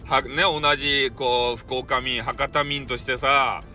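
A man with a Hakata dialect accent chatting casually on his own stream, teasing and jumping in pitch. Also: fairly even intonation, bright, forceful tone, faint music behind. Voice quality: teasing, jumpy pitch, drawn-out dialect vowels. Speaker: audio streamer. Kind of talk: casual chat monologue.

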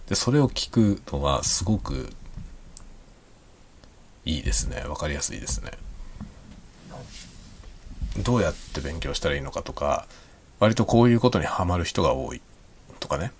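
A man talking quietly and rambling in a late-night solo chat, with soft chuckles and self-deprecating remarks. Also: extremely low pitch, big pitch swings, normal speed, long pauses, a little hiss or hum. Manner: speaks quietly while drinking. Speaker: podcast host.

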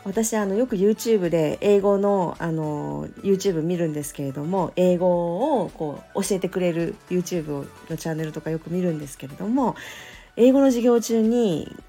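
A woman who teaches English pronunciation, talking alone on her podcast in a gentle, thoughtful way with many small fillers. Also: fairly low pitch, moderate pace, faint music behind. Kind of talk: solo podcast talk.

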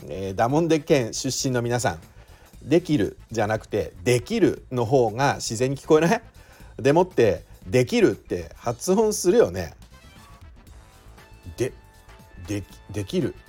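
A man's voice: mid-range voice, a little mellow, breathy edge. A man with a Shizuoka accent hosting a solo podcast in a chatty way, often drawing out filler sounds. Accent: Shizuoka Japanese. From Shizuoka, Japan. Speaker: podcast host.

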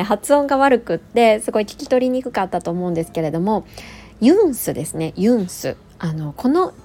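A woman in her thirties hosting a casual solo podcast, reading out listener comments in a friendly, chatty way with soft fillers. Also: medium pitch. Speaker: podcast host.

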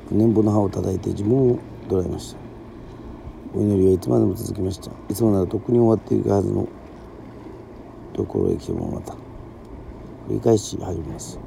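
A man from Yoron Island, a musician and podcast host, reading a children's story aloud in a steady storytelling manner. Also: fairly low pitch, gravelly, a little hiss or hum. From Yoron Island, Japan. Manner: steady storytelling with casual asides.

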